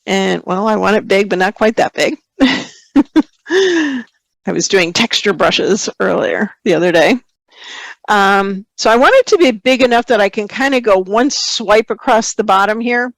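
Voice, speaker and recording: Medium in pitch and unhurried, this photography webinar host sounds a bit hoarse and gravelly, clearing her throat now and then. She calmly talks through a screen-share software tutorial as she works, reading viewer questions aloud. The sound is dry and close, without echo.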